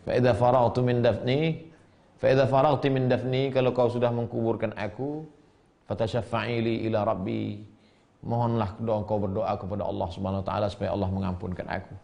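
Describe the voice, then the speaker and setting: A man's voice: flat delivery, a little fast, gravelly, mellow. A male preacher reads an old Arabic text aloud and translates it line by line, repeating and rephrasing each passage and acting out the quoted people. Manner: shifts pitch sharply to act out quoted speakers. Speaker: preacher teaching a classical text.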